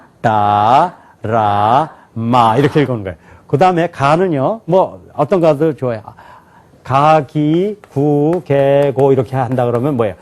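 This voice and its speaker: A man gives a televised lecture at an ordinary middle pitch. He keeps putting questions to his listeners and then answering them himself. Now and then he slows down to sound things out syllable by syllable. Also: darkish tone. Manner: demonstrates pronunciation slowly and syllable by syllable. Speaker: teacher.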